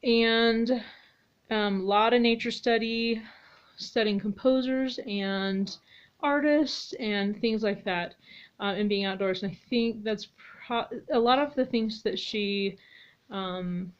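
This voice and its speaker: A woman's voice: fairly high pitch, takes it slowly, clear, resonant tone. A woman who homeschools her children, chatting casually in a vlog, rambling with lots of ums and restarts. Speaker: homeschooling mother vlogger. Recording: slightly dull lo-fi audio.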